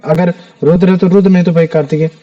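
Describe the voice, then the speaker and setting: A man's voice: high-pitched, steady tone, fast talker, dull audio. A man teaching a chemistry class, talking casually to his students and asking them questions. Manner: chatty, calls students "bhaiya".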